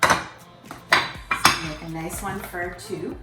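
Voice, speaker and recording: A woman's voice: lowish voice, steady tone, extremely slow. A woman hosting a casual cooking show, explaining each step in a kitchen. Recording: echoey room, mic far off, background music.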